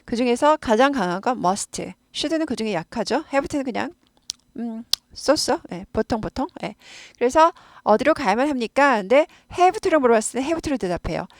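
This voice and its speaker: A woman English teacher walks through grammar and drills pronunciation, repeating words slowly. Her pitch moves a lot as she explains. The sound is dry and close. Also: expressive, no echo.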